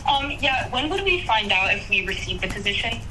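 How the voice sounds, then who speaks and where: A young woman answers interview questions over a speakerphone, her voice sitting at a distance from the mic. Clear background noise runs under the call. She talks in an eager, casual way, leaning on "like" and "um". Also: a little high, big pitch swings, a little fast. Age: young adult. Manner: casual, eager, many fillers like "like" and "um". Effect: heard over a speakerphone call. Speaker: student applicant.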